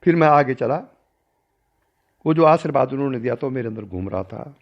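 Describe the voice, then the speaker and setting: An older man, a spiritual teacher, recounting a personal story in a discourse and acting out the dialogue with changing pitch and loudness. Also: expressive, brisk. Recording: dull lo-fi recording.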